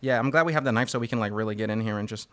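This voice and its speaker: Relaxed rambling male podcast host. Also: on the low side, rapid-fire, clean tone. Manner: relaxed, rambling, many fillers. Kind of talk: casual chat.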